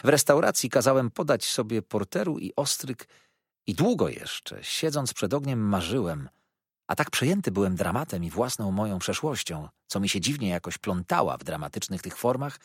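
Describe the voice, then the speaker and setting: A man narrating a classic novel in the first person, with an expressive, dreamy storytelling manner and a husky voice. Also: on the low side, normal speed, no echo, clean studio sound. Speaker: audiobook narrator.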